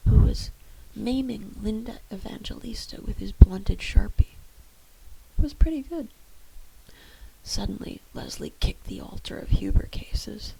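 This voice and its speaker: A woman's voice: medium pitch, vocal fry, dark tone, low-quality recording. A woman narrating a story in the first person with wry storytelling, in a whispered role-play.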